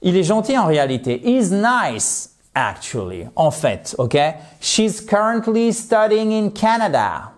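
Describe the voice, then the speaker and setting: A man teaching English vocabulary in a lesson, lively and enthusiastic, repeating words slowly for pronunciation. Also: high-pitched. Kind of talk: language lesson.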